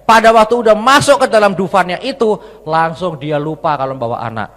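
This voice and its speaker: A male preacher in conversational sermon mode, weaving personal stories into his message and speaking to the congregation as friends. His voice sits a little high for a man. It rings out with a long hall reverb. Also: animated, a little fast, a bit bright. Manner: conversational, addresses listeners as friends, repetitive.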